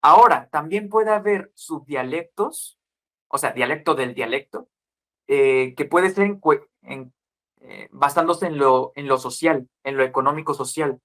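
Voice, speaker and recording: Speaking a little slowly, a man in his 20s with a Mexican accent from Guadalajara lectures at length as a guest on a casual podcast. His fairly high voice has a fairly bright tone, and he strings together examples while tacking tag questions onto what he says.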